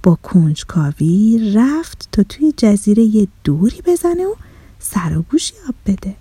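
A woman narrating a children's bedtime story in a soft, slow, gentle whisper, close to the mic. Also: mid-range voice, very animated, breathy edge, dry recording.

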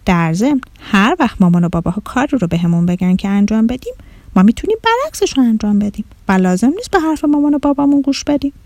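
A woman voicing a cheeky little boy who explains his upside-down island in a loud, matter-of-fact way. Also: on the high side, big pitch swings, no room sound.

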